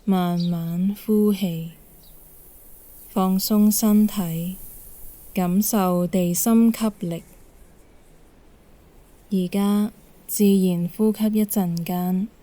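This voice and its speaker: A woman instructor with a medium-pitched voice guides a meditation, calm and measured. She gives gentle instructions, leaving pauses between them.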